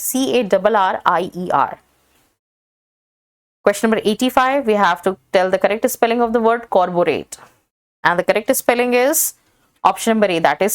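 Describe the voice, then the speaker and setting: A woman reading out exam practice questions as a teacher. She lists each set of options steadily and stresses the correct answer. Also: mid-range voice.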